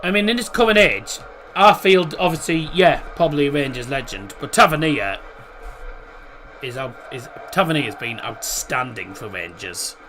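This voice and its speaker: A man hosting a casual live football watchalong, pronouncing his R's like W's, chatty and halting as he corrects himself. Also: mid-range voice, expressive, fairly bright tone, slight background noise. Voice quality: can't pronounce R's, says them as W. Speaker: football watchalong streamer and host. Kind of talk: casual live match commentary and chat.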